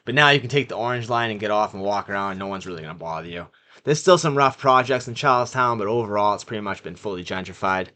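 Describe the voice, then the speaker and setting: A man's voice: lowish voice, fast talker, pushed and bright. A man from the Massachusetts North Shore hosting an informal history video from a living room, plain-spoken and chatty with viewers. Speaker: video host. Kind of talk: informal local-history narration and chat.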